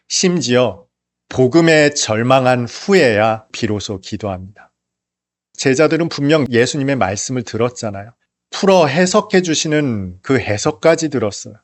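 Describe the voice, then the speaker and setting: A man's voice: medium pitch, no room sound. Earnest male pastor, dry close sound. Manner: earnest, rising to act out the disciples' pleas. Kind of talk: sermon. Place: church.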